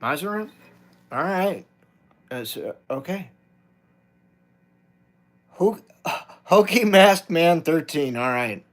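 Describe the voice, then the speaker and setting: This middle-aged American live-stream host takes it slowly, leaving long pauses, with a slightly high voice and lively intonation. He reads viewer comments bluntly and informally over loud guitar playing.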